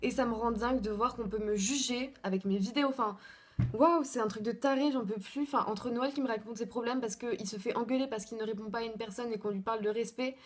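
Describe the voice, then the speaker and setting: Chatty young woman vlogging, slightly high voice. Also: fairly even intonation, fast, few pauses. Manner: chatty, rambling with many fillers. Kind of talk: casual vlog chat. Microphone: phone camera.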